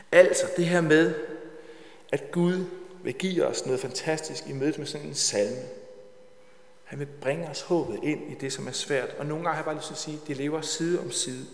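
Preacher's emphatic voice in a reverberant hall. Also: male voice, mid-range voice, creaky. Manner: emphatic, repeats key phrases, swings between loud and hushed. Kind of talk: sermon. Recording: echoey hall with long reverb.

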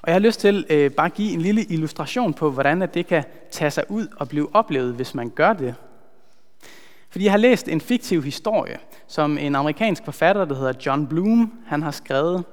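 A man preaching a sermon in an earnest, measured way, slowing down to stress key words. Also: on the high side, lively intonation. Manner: earnest, measured, slows for emphasis. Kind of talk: sermon with a retold story. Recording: long hall reverb.

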